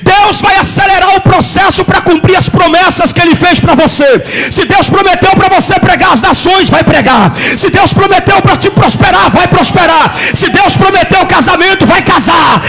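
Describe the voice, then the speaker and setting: A man preaching at full volume in a high, ringing voice, hammering his points through repetition. Soft music runs under his sermon, and now and then he drops into a quieter, urgent tone. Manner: fervent, repetitive preaching with call-and-response. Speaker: bishop. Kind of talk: shouted sermon.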